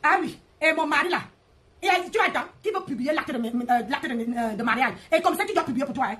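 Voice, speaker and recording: A woman's voice: high voice, quick pace, fairly bright tone. A woman hosting a live stream, ranting in a mocking, confrontational way and repeating her jabs. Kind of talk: heated live-stream rant.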